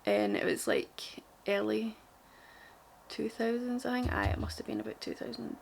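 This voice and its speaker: A woman's voice: fairly high pitch, big pitch swings, normal speed, vocal fry, slightly rough. A young woman with a broad, strong Glaswegian Scottish accent, chatting casually and self-deprecatingly to camera in an informal, rambling makeup tutorial. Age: young adult. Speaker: beauty vlogger.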